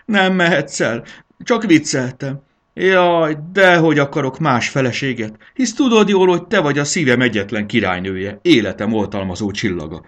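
A man's voice: medium pitch, expressive, a bit bright, pitched above the performer's own voice, lightly acted. A man doing a wailing old dragon husband. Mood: pleading. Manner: pleading, wailing. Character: old many-headed male dragon, desperate, pleading husband.

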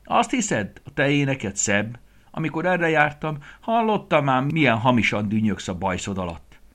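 A man's voice: deep voice, animated, pushed and bright, slightly rough, exaggerated voice. A man voicing a boastful, brave little male rabbit in a children's story, talking in a cocky, sing-song way.

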